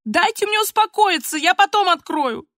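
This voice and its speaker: A woman voicing a rebellious teenage girl who protests in a high, tearful wail. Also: very animated, fast talker, no echo, clean studio sound. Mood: hysterical.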